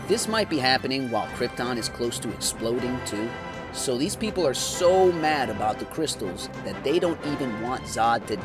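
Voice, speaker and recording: A man narrating a comedic movie recap, full of sarcastic, jokey asides, over background music. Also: medium pitch. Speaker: movie reviewer.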